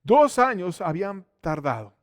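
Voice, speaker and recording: A man preaching a sermon in church, swinging between loud exclamations and hushed, intimate asides. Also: high voice, big pitch swings, measured pace, dry recording, studio quality. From Mexico. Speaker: pastor.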